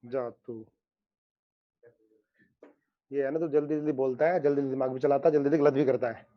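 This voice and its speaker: A man's voice: medium pitch, fairly even intonation, brisk, muffled recording. A man teaching chemistry in an online lecture, joking and teasing his students by name and explaining with playful analogies.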